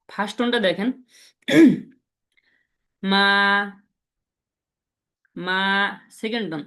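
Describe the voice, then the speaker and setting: A man teaching a language lesson, patiently explaining and repeating example syllables slowly. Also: high voice.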